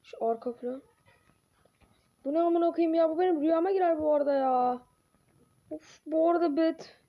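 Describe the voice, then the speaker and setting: A young woman doing horror game let's-play commentary, jumpy and excitable, swearing and dropping to low mutters between outbursts. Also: moderate pace, dull audio. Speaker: gaming channel host.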